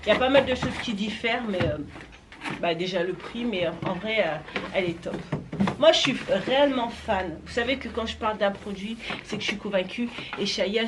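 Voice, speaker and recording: Young woman rambling happily about skates, lots of euh and restarts, noisy recording. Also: fairly low pitch. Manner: chatty, filler-heavy, enthusiastic. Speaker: vlogger reviewing roller skates. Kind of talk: casual product talk to camera.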